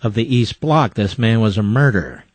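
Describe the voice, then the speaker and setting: Male radio host, emphatic and opinionated, brisk with callers, dry close sound. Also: on the low side, no room sound. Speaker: radio talk show host. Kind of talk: radio talk show.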